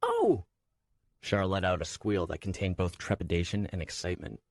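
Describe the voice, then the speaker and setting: A man reading a fantasy audiobook in first person, with measured, even storytelling. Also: low-pitched, no echo. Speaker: audiobook narrator. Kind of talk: scripted first-person narration.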